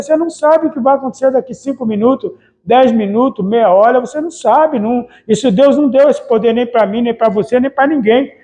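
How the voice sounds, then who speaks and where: A pastor gives an informal, colloquial sermon, chatting along and acting out everyday speech by mimicking family members' voices. His voice is very high and a little mellow. The recording quality is low.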